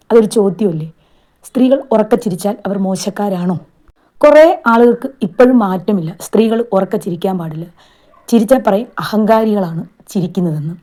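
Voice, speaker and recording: Fast-talking middle-aged woman vlogger. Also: medium pitch, mellow. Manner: earnest, plain-spoken storytelling. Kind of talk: casual monologue to camera.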